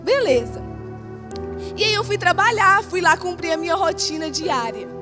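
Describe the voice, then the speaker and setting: A young woman preaching at a youth service, telling a lively, laughing story in a dramatic way. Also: extremely high pitch, moderate pace. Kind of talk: storytelling sermon. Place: church hall, live service. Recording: live sermon with background music.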